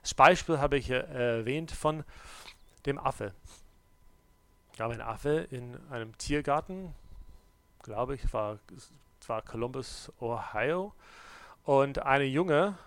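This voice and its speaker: A man preaching a sermon, swinging between loud, urgent exhortation and quiet, close address, with direct questions to the listener. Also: medium pitch, slow pace, pauses often, no echo. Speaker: pastor.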